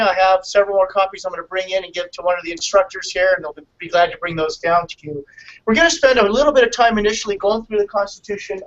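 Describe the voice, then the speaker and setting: A man with a fairly high voice gives a friendly civics lecture to a room of listeners. He is picked up from across the room, so he sounds distant. The sound is dull and carries a faint hiss. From California. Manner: friendly, conversational, with restarts. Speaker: attorney teaching a civics class. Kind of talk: classroom lecture.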